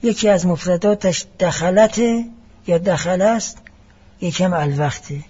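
A man giving a classroom lecture as a seminary teacher, explaining each point deliberately and mixing in Arabic phrases. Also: high voice, warm tone, breathy edge, highs cut off.

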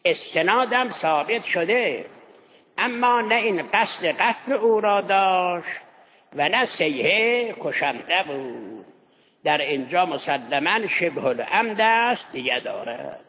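A male seminary teacher lectures on religious law, breaking each case into its conditions and returning to Arabic terms. His voice sits fairly high for a man. The recording is dull and muffled, with a long hall echo and a faint hiss underneath. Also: sharp tone. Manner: explains step by step, repeats key points, Arabic legal phrases. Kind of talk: Islamic jurisprudence lecture.

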